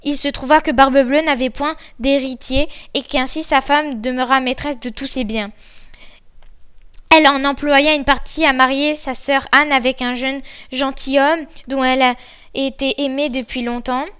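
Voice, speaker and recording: A woman with a high voice reads a classic fairy tale aloud. Her narration is measured and soft. She tells it like a storyteller. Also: steady tone.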